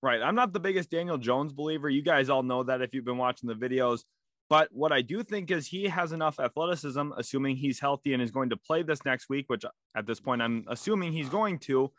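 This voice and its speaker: A man's voice: medium pitch, a little fast, dry recording. A young man hosting a casual sports prediction show, leading the talk and passing questions to his co-host. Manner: energetic, leads the segment and hands questions to co-host.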